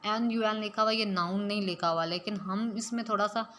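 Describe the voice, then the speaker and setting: A woman's voice: medium pitch, fairly even intonation, fairly bright tone. Woman teacher, faint hiss. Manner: explains slowly and mixes in English phrases. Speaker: English teacher. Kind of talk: spoken English lesson.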